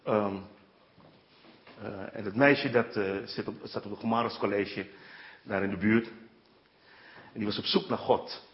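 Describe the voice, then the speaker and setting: A man preaching a sermon with lively storytelling, often checking in with his listeners. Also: lowish voice, measured pace, pauses often, lo-fi sound. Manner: animated storytelling with frequent "ja" and "hè".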